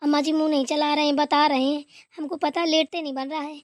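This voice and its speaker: Brief: woman doing whiny scared young bahu, high voice, dry close mic. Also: flat delivery, quick pace, no room sound, natural voice. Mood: pleading. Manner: whiny pleading. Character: frightened young daughter-in-law, pleading.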